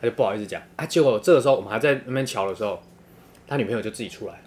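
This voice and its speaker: A young man telling a crude story in casual chat, animated and laughing often. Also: fairly low pitch, racing, slight background noise.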